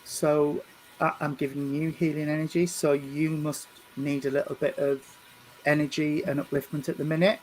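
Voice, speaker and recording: A man, working as a medium and giving a spirit reading at a church service. He speaks gently and reassuringly, often stumbling over and repeating his words. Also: fairly high pitch, flat delivery, moderate pace, slight background noise, rough recording. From England. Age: 50s. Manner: hesitant, repeats and restarts words.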